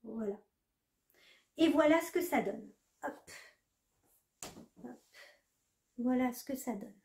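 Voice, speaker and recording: A woman's voice: high voice, animated, slow, darkish tone. A woman knitting vlogger chatting casually to the camera, hesitant, with many fillers. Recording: echoey room.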